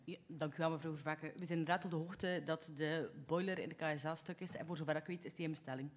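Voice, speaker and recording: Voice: medium pitch, fairly even intonation, fast. A speaker with a Flemish accent, answering politely as an alderman.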